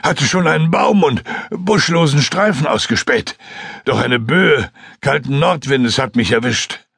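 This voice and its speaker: A man's voice: medium pitch, expressive, a little slow, gravelly, husky, no room sound, clean studio sound, pitched above the performer's own voice, heavily acted. A man voicing a stubborn, reckless male glider pilot who is out of breath and frantically insistent. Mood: breathless. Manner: frantic, insistent, shouting while swimming.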